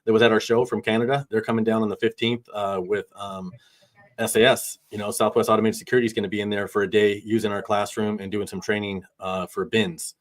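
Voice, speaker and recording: Fast-talking upbeat male podcast host. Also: fairly low pitch, flat delivery. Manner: upbeat, laughs often, many fillers. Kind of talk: casual chat.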